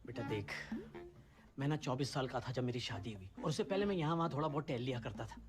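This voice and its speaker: A man's voice: medium pitch, lively intonation, quick pace, close to an everyday voice. An actor playing a fumbling middle-aged father who stammers and lectures his son awkwardly. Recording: film scene with background music.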